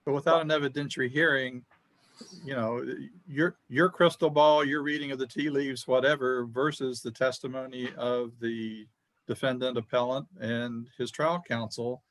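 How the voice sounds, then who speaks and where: A man's voice: medium pitch, fairly even intonation, normal speed, a bit bright, no echo. A man questioning counsel from the appellate bench, skeptical and probing. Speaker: appellate judge. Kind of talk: appellate oral argument.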